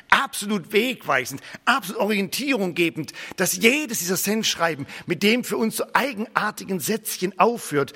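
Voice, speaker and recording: A man preaching a sermon, emphatic and repetitive, swinging between loud declarations and hushed, near-whispered lines. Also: high voice, breathy edge, in a large hall.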